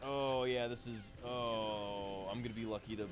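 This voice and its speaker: A fairly low, steady, unhurried voice belongs to a male game streamer giving casual let's-play commentary on a shooter. He swears freely and chats loosely with viewers against a noisy background.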